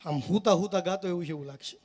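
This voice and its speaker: Male folk comedian, high voice, teasing live storyteller. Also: fast talker, a little mellow. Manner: joking, teasing the audience directly. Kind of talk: live comic storytelling to an audience.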